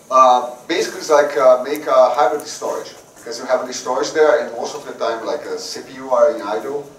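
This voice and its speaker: Halting man giving a tech talk. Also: medium pitch. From Brazil. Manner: halting, often repeats words before going on. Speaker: conference speaker. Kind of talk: technical conference talk. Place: conference room. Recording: roomy hall, voice from a distance, faint noise.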